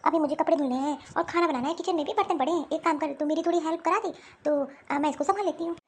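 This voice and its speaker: A woman's voice: sits high, racing. A woman voicing a tired, overworked older mother-in-law in a cartoon story, complaining and self-pitying. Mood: weary. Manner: complaining, grumbling to herself. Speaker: voice actor. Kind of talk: Hindi cartoon dialogue.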